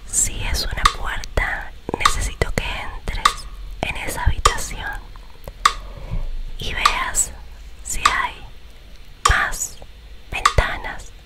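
Young woman, Rioplatense accent, for whispered ASMR guided relaxation; very slow, soothing instructions, close on the mic. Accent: Rioplatense Spanish. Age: young adult. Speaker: ASMR host guiding a relaxation visualization. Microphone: close large studio microphone.

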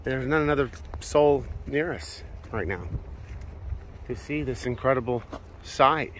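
A man's voice: mid-range voice, a little slow, a bit bright, slight background noise. Earnest preaching man filming outdoors on phone. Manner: earnest, preachy, many filler "uh"s. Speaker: preacher vlogger. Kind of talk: outdoor walking vlog with preaching. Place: outdoor ancient ruins, open hillside. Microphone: phone held at arm's length.

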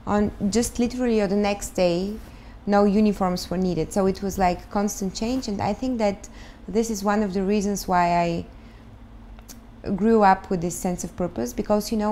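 A woman in her thirties from Bulgaria, speaking English with a Bulgarian accent, answering interview questions thoughtfully and pausing to search for words. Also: mid-range voice, a little mellow, a little hiss or hum. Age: 30s. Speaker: guest, start-up founder. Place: living room, on a sofa.

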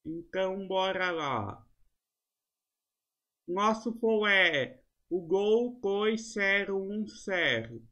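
A man's voice: sits high, expressive, drawn-out words, pushed and bright. A man with a Brazilian accent giving casual commentary as host of a flight simulator video.

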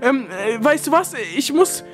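A man's voice: very high voice, lively intonation, moderate pace, a bit bright, soft background music. A young man acting in a game short film, talking nervously and rambling to viewers. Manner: nervous, rambling, many fillers. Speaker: youtuber voicing his game character.

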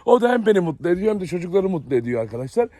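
A man's voice: high-pitched, very animated, rapid-fire, mellow, no echo, studio quality. A man casually chatting to viewers while walking around his outdoor dog yard and kennels. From Turkey. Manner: chatty, addresses viewers often. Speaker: dog breeder vlogger. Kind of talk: casual chat to camera.

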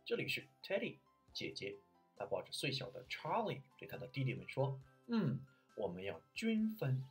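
Lively husky-voiced male English coach. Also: lowish voice. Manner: energetic teacher, switching between Chinese and English. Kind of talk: language lesson.

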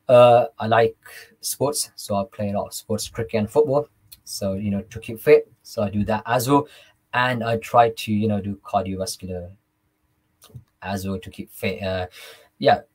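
A man's voice: lowish voice, measured pace, slightly rough, poor audio. A young man answering interview questions in a conversational way, often repeating and restarting his words. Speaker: interview guest, devotional singer. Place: small room indoors on a video call.

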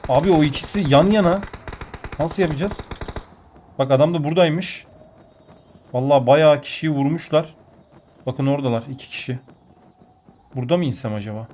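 A man's voice: on the high side, normal speed, pauses often, slight background noise. Congested, nasal man commentating gameplay. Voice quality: muffled, nasal. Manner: excitable, jumps between muttering and outbursts. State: sick, blocked nose. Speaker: mobile game player.

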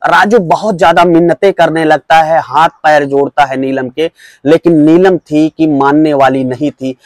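A man narrating a true-crime story in steady storyteller fashion, often repeating his phrases. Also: a little high, normal speed, no room sound, poor audio.

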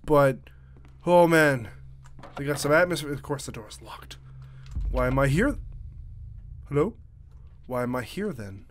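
A man's voice: medium pitch, expressive, unhurried, pauses often, a little hiss or hum. A man in his thirties with a Canadian accent, giving jokey, reactive let's play commentary with swearing. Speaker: gaming YouTuber. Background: game music.

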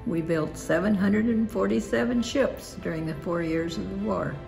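An elderly woman in her nineties reflecting calmly on her wartime welding work. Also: medium pitch, moderate pace, creaky, over music. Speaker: interviewee, former welder. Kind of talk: personal testimony.

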